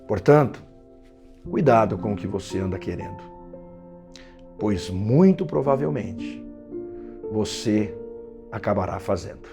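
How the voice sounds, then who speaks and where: A middle-aged man, a pastor giving a short devotional talk in a reflective, measured way with pauses. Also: medium pitch.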